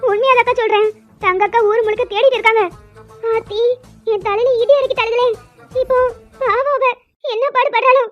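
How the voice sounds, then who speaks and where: A woman voicing several emotional village women and a young daughter in a cartoon, fast and dramatic, scolding and tearful. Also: very high voice, steady tone, faint music behind. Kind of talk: cartoon voice acting. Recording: dull, dry lo-fi recording.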